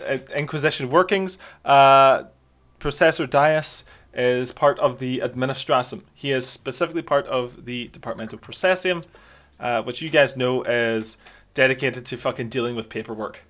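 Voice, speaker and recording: A man narrating as game master of a tabletop game, casual and quick, with swearing. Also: medium pitch, a bit bright.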